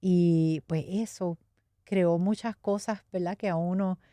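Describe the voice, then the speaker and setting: A woman's voice: on the low side, steady tone, slow pace, mellow, no echo. A middle-aged Puerto Rican woman with a Puerto Rican accent, telling her life story in a candid, reflective way during an interview. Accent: Puerto Rican Spanish. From Puerto Rico. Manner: candid, reflective, laughs now and then. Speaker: interview guest. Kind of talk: personal testimony in conversation.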